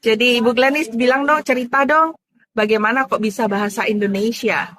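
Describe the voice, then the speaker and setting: A woman's voice: a little high, steady tone, brisk, a bit bright. A woman hosting a casual, chatty interview, exclaiming and encouraging her guests.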